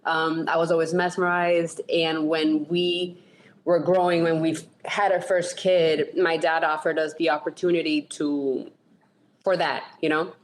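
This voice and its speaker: A woman's voice: deep voice, level tone, measured pace, slight background noise, low-quality recording. A woman from Latin America in her thirties or forties, a business co-owner chatting in a podcast interview, laughing easily and correcting herself as she goes. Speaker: co-owner, operations manager.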